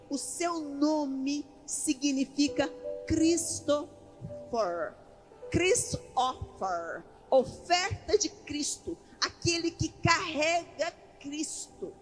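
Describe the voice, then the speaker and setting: A woman preaching a sermon in a church, building to fervent proclamation. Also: high-pitched. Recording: reverberant church hall with music.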